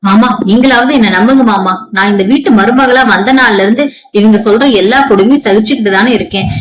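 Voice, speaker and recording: A woman's voice: on the high side, fast, natural voice, rough recording. A woman voicing a meek, overworked young daughter-in-law who speaks in a pleading, sorrowful way.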